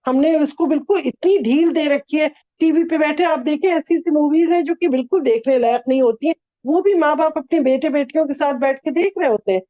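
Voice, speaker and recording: Earnest high-voiced woman giving an Islamic talk. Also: few pauses, warm tone, no echo, muffled recording. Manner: earnest and exhortative, rhetorical questions; mixes English words into her speech. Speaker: religious speaker.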